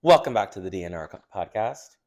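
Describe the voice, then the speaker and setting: A man's voice: fairly low pitch, lively intonation, fast talker, loud music behind the voice. A man co-hosting a podcast in casual, playful, teasing chat. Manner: playful, teasing banter with laughs. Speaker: podcast co-host.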